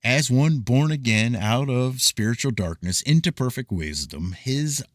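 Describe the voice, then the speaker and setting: A man reading an old esoteric book aloud in a measured, formal way, with occasional stumbles. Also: mid-range voice, lively intonation, no room sound, studio quality. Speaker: reader of esoteric texts. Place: cold room.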